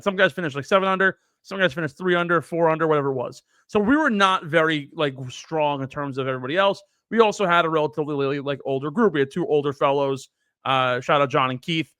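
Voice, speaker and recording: A young adult man, a podcast co-host, casually telling a story, animated and profane, acting out the people he quotes. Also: on the high side, dry recording, studio quality.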